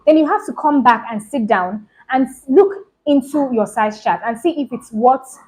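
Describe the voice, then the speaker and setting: Fast-talking woman teaching fashion business. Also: sits high, a little mellow, rough recording. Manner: talks fast, repeats points, keeps asking "do you understand?". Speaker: fashion business channel host. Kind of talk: casual instructional talk to camera.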